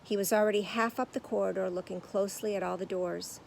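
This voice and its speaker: A woman narrating a storybook aloud in a lively, expressive way. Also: mid-range voice, fast, creaky, a little hiss or hum, poor audio.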